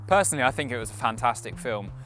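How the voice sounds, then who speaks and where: A man's voice: mid-range voice, lively intonation, racing, a bit bright. A young man giving casual, opinionated reviews to camera as a vlog co-host.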